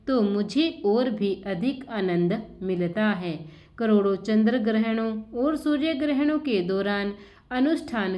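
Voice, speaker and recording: A woman narrates a devotional scripture at an unhurried, measured pace. Her voice sits a little high. She recites each line in a steady, even manner. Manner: slow, even recitation of sacred text. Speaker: scripture reader.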